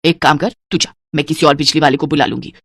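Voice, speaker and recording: A woman's voice: low voice, steady tone, fast, fairly bright tone, dry recording, voice pushed down. A woman voicing a stingy, scheming old mother-in-law in a cartoon, with a scolding, penny-pinching manner.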